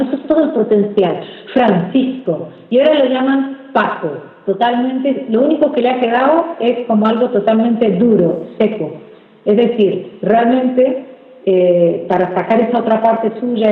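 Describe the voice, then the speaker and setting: A woman from Argentina, an interview guest and speech therapist, explains her ideas in a measured, deliberate way and stretches words to show how they sound. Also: mid-range voice. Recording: roomy, dull lo-fi sound.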